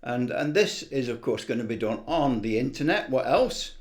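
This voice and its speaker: Presenting his hobby in a casual, unscripted vlog, a middle-aged or older man rambles with evident enthusiasm. His mid-range voice is expressive and moves at a normal speed.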